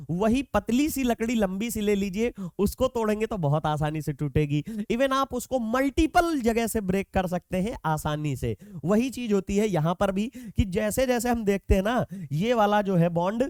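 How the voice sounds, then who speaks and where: Male lecturer, high and smooth, patient step-by-step explainer who talks directly to his students. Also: a little mellow, dry recording, clean studio sound. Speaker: chemistry teacher. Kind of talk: classroom lecture.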